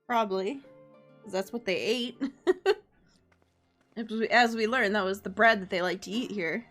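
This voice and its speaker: A woman's voice: medium pitch, unhurried, fairly bright tone. A woman streaming a game with casual, reactive, giggly commentary. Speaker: gameplay streamer. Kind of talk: casual playthrough chat. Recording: game music behind.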